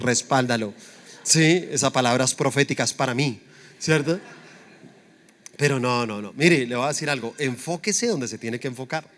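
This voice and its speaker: A man's voice: fairly high pitch, fairly bright tone, a little hiss or hum. Man preaching, chatty and questioning. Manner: conversational preaching, lots of rhetorical questions. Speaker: pastor. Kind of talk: sermon.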